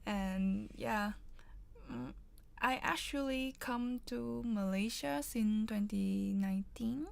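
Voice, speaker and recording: A woman's voice: mid-range voice, takes it slowly, creaky. A young woman from Vietnam, a guest on a student radio show, talking casually and hesitantly as she searches for her words in English, her second language. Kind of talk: casual interview chat. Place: campus radio studio.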